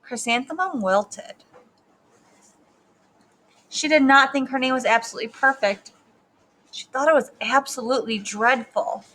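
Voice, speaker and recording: A young woman reading a story aloud to children, stopping to ask them gentle questions. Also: high voice, a little slow, pauses often. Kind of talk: read-aloud lesson for children.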